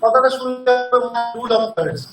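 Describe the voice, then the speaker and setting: A man leading an online workshop, his audio choppy and breaking up over a bad video-call connection, halting and checking if he can be heard. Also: very high-pitched, fairly bright tone, soft background music. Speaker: workshop trainer. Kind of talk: online lecture. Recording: echoey distant call audio with faint noise.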